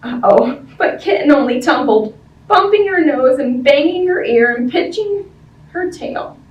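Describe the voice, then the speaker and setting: A woman hosts story time for young children, expressively reading a picture book and chatting in simple, child-directed language with questions for her listeners. Her voice sits high and animated at a measured pace; the highs are cut off, and the recording is roomy and distant with faint background noise.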